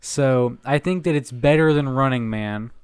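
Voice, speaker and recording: A man's voice: medium pitch, moderate pace, a little mellow, clear, resonant tone, dry recording, clean studio sound. A man co-hosting a casual podcast, talking in a laid-back, hesitant way with many restarts. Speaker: podcast co-host.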